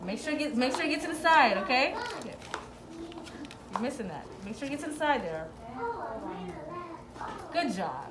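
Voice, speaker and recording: A woman's voice: high voice, very animated, moderate pace, long pauses, echoey room, noisy background. A woman teaching young children through a hands-on demonstration, giving short, repeated instructions and encouraging praise. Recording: classroom with children's chatter around. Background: group of children.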